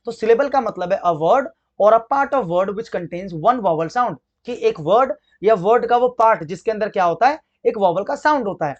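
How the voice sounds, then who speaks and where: Speaking Hindi and carrying a Hindi accent, a man leads an English grammar class aimed at exam preparation. He questions the students, supplies the answers himself, and spells words slowly in a high-pitched voice on a muffled recording.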